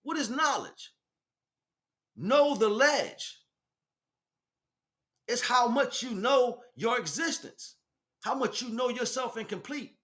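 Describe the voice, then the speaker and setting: Speaking slowly with long pauses, a spiritual teacher uses an extremely high, expressive voice that sounds pushed and bright. His informal lecture is impassioned and delivered in emphatic street talk, full of bluntness and rhetorical questions.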